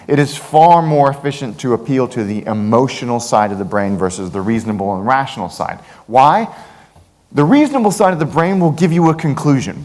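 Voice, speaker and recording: A man giving a conference keynote talk, telling jokey stories with big swings in his voice. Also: big-room sound. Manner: animated, jokey storytelling with big pitch swings. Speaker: keynote speaker. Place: large conference hall.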